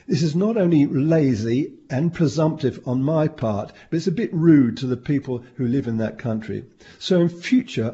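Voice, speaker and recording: A hoarse man in chatty radio talk, wry and clearing his throat now and then. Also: medium pitch, dark tone, muffled recording. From Australia. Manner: chatty, wry, reads out items.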